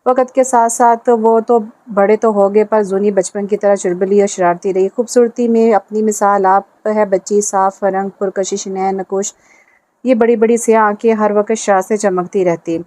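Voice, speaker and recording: Woman, pakistani urdu accent, novel narration, monotone, dry recording. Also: mid-range voice, normal speed, no echo. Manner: reads all characters in a plain voice with little change. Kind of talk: novel reading.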